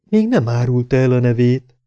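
A man voicing an affected, flirtatious woman at a bar who talks in a slow drawl. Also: medium pitch, expressive, warm tone, lo-fi sound, lightly acted. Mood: flirty.

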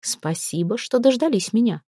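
A woman reading the lines of a pushy, lecherous male business tycoon in an audiobook, in a slow, soft, insinuating way. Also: on the high side, lively intonation, husky, no echo, clean studio sound, voice pushed up. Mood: suggestive, insinuating.

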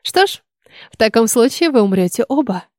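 A woman's voice: fairly high pitch, lively intonation, moderate pace, a little mellow, dry recording, clean studio sound, lightly acted. A woman reading the lines of a cruel, cunning old witch in an audiobook, speaking in a coaxing, menacing way.

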